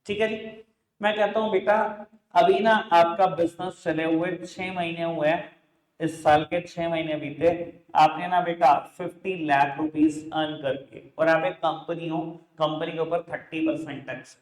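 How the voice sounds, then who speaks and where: A man's voice: a little high, fairly even intonation, unhurried. Echoey Indian male accounts teacher. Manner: affectionate, addresses students as beta, repeats points. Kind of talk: classroom lecture.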